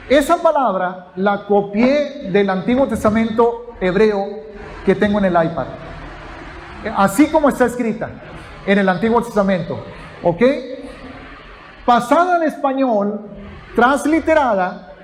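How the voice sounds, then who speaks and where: A man teaching a sermon, explaining step by step and checking in with his listeners. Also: high-pitched. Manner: explanatory, addresses listeners as brothers, asks "ok?". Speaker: pastor.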